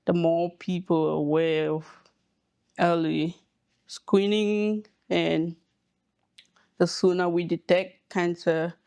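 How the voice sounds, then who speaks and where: A woman from Cameroon, a hematologist oncologist, giving slow, measured explanations with pauses in a podcast interview. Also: fairly low pitch, steady tone, gravelly, darkish tone, clear, resonant tone, no room sound.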